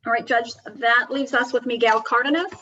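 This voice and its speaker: Brisk clerk on a muffled conference call. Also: female voice, on the high side, fairly even intonation, sharp tone. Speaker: court clerk. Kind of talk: running a court docket.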